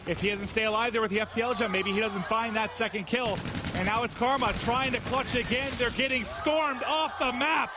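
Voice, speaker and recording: A man doing excitable, exclamatory play-by-play commentary as an esports caster. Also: sits high, fairly quick. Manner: excitable, exclamatory, playful banter. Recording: noisy event ambience behind voice.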